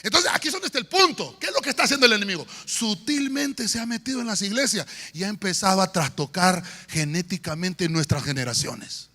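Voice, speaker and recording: A pastor preaching a sermon in a church, swinging between shouts and quiet murmurs. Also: male voice, high-pitched, lively intonation, a little fast, few pauses. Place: church sanctuary. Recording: long church hall reverb.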